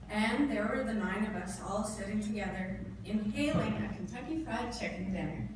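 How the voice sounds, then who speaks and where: A Canadian woman in her thirties gives a prepared motivational speech to a live audience, speaking earnestly and emphatically in short, deliberate phrases. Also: medium pitch. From northern Ontario, Canada. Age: 30s. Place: indoor event room before an audience. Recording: echoey room, distant mic, clear background noise.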